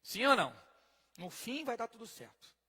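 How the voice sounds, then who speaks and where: Male preacher, high and animated, husky tone, emphatic, long reverb. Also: unhurried. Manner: emphatic, swings from soft to loud, questions the congregation. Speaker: pastor. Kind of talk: sermon.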